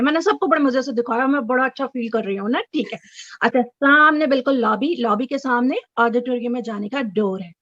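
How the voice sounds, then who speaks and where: High-voiced excited woman on a video call. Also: no echo. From Chicago resident. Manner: animated, breaks into high squeals when excited. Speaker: interview guest, fan. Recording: dull, dry video call audio.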